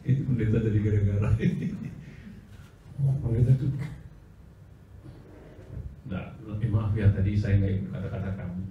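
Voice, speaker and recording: A man preaching at a church seminar, telling stories loudly and acting out the voices of the people in them. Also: lowish voice, measured pace, long pauses, recorded from a distance, phone-quality sound, a little hiss or hum. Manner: animated, acts out voices of people in his stories; loud, forceful preaching. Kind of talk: storytelling sermon at a church seminar. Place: church hall. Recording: very echoey hall, voice from off-mic.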